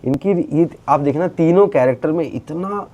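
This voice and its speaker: A man speaking as an interview guest, talking in an animated, casual way and dropping English phrases into his speech. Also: on the high side, moderate pace, highs cut off. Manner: animated, mixes English into speech, many fillers. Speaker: interview guest, actor and creator.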